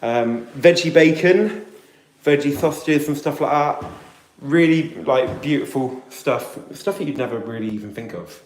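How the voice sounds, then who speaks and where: A British vlogger chats casually on a live stream while cleaning, reading viewer comments aloud and answering them. His voice is fairly high and a little slow. The home recording sounds roomy, with faint noise.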